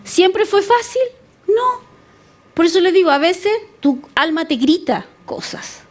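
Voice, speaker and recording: High-voiced woman pastor preaching. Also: lively intonation, unhurried. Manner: earnest, repeats words for emphasis; acts out prayers in a pleading voice. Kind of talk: sermon.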